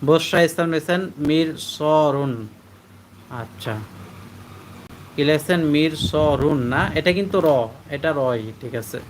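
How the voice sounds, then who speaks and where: A man teaching a live online Quran reading class. He patiently drills letters and syllables, repeating them slowly, and reads out and praises his students' answers. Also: fairly high pitch, slight background noise.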